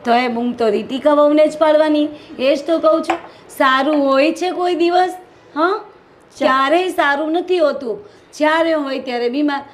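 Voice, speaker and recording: An actress playing a hardworking, resentful daughter-in-law who complains constantly, with a Gujarati accent. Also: female voice, sits high, normal speed, a little hiss or hum, lightly acted. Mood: aggrieved. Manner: complaining, aggrieved.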